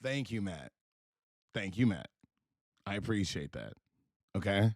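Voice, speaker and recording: A man hosting a livestream, reacting in casual, profane, animated commentary and laughing as he tells stories. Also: lowish voice, measured pace, no room sound, studio quality. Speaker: livestream host.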